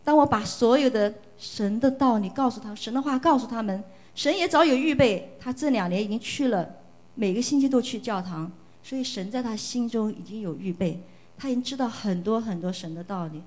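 A woman's voice: a little high, brisk, a little mellow. A middle-aged woman from China giving an earnest, emotional church testimony, often repeating phrases for emphasis.

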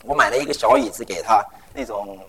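A middle-aged man preaching a sermon. He talks in an animated way, drops English phrases into his speech and tells personal stories with vivid sound words. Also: lowish voice, fast talker, slight background noise, poor audio.

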